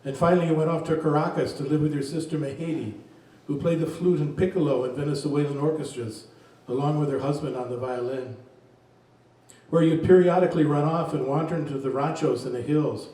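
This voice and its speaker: A man reading his poems aloud at a reading event, in a slow, measured voice. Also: on the high side, fairly even intonation, dark tone. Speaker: poet reading his work. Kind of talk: poetry reading. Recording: very echoey room, distant mic.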